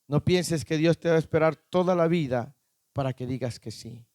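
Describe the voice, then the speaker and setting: A man preaching a sermon, emphatic, firing rhetorical questions at the congregation and rising to shouts at the peaks. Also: on the high side, moderate pace, no echo, clean studio sound.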